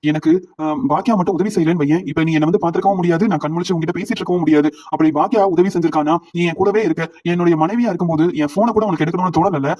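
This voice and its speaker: A man's voice: fairly high pitch, racing, a little mellow, lightly acted. A man voicing a bitter, resentful middle-aged husband who reproaches his wife. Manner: reproachful, complaining.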